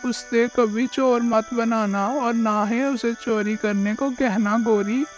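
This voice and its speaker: A man voicing a scheming, hot-tempered male thief bird who is a father, in a gruff, threatening manner. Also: sits high, a little slow, slight background noise. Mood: dying regret. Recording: faint music behind the voice.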